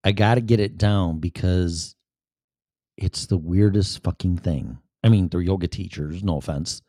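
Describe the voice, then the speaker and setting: Here a deep-voiced man speaks a little slowly with a warm tone, recorded clean in the studio without echo. He has a Chicago accent and rambles casually through his live-stream show, chatty, profane, and poking fun at himself.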